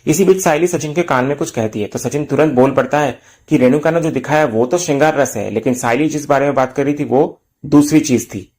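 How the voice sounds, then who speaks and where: A man narrating a recap of a television serial episode, retelling each scene in a plain, steady storytelling way. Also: fairly high pitch, brisk, hardly any pauses.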